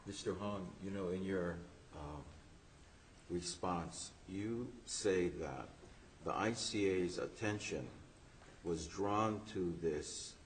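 Very deep-voiced male judge, halting questions. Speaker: appellate justice questioning lawyers. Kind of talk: questioning from the bench. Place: courtroom. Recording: faint background noise.

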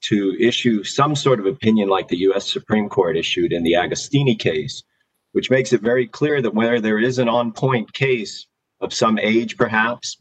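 A man speaking as a lawyer in formal oral argument, deliberate and emphatic. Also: lowish voice, slightly rough, rough recording. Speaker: lawyer arguing an appeal.

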